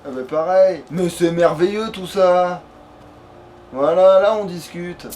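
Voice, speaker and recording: A let's player swears casually and mutters to himself while he plays. His voice is high-pitched and darkish in tone, and he speaks slowly over a clearly noisy background.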